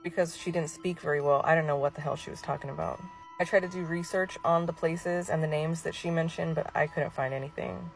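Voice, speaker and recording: A woman's voice: sits low, fairly even intonation, brisk, creaky, distant mic, soft background music. A woman telling a candid, incredulous story to camera about her own child.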